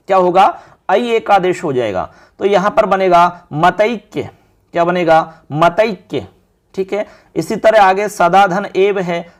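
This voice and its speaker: A high-voiced man teaching a grammar lesson. He works through each example patiently, asking the class a question and answering it himself. Key syllables come out slow and drawn out as he writes them on a board. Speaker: Sanskrit teacher.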